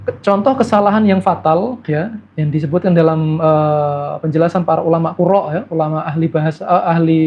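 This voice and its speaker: A male Islamic preacher gives a religious lecture, asking rhetorical questions and answering them himself, and slowly draws out Arabic recitation examples. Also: high-pitched, lo-fi sound.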